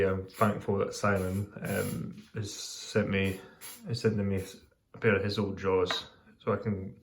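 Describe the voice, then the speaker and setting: A man giving a casual, rambling vlog update as a hobbyist, hesitant and often correcting himself mid-sentence. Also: lowish voice.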